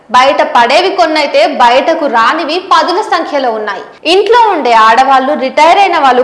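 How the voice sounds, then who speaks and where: A woman journalist presents a scripted news explainer straight to viewers in a high-sitting, fairly bright voice. The recording sounds roomy and echoey.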